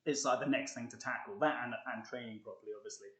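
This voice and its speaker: A young man talks his viewers through push-ups on a live stream, chatty and upbeat, still catching his breath between sets. His voice sits at an ordinary middle pitch. The room around him is bare and echoey. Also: fast, a bit bright. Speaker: fitness coach. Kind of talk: live-streamed workout tutorial.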